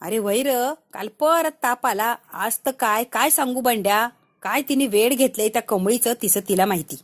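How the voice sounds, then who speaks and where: A woman voicing a sick, weary older village aunt who speaks slowly and faintly. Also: on the high side, natural voice.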